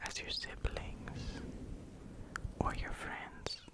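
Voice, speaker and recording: Slow whispered ASMR pep talk. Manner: whispered, unvoiced, breathy; slow, pausing between short phrases. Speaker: ASMR host. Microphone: close fluffy-covered microphone.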